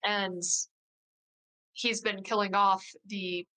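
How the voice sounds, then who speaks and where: A woman's voice: medium pitch, flat delivery, slow, bright, forceful tone, clean tone, rough recording. A woman talking casually as a player in a tabletop game. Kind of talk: casual chat.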